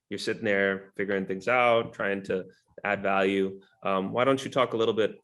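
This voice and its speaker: A man's voice: lowish voice, fairly bright tone. A man hosting an interview, asking long, rambling questions full of "um" and "you know" in a friendly, chatty way. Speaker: interview host. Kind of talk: casual interview chat.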